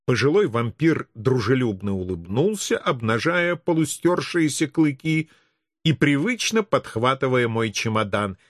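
Expressive male audiobook narrator. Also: mid-range voice, no room sound, clean studio sound. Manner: expressive, measured reading.

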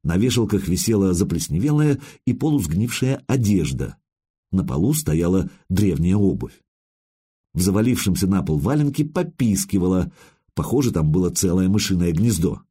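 A man's voice: deep voice, sing-song, normal speed, dark tone, husky. A man narrating a first-person audiobook in a wry, conversational storytelling manner.

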